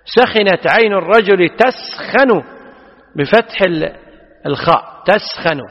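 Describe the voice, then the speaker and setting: Dull audio and a long hall reverb surround a high-pitched, expressive male voice that runs a little slow. He is teaching a classical text, putting questions to his students while explaining patiently.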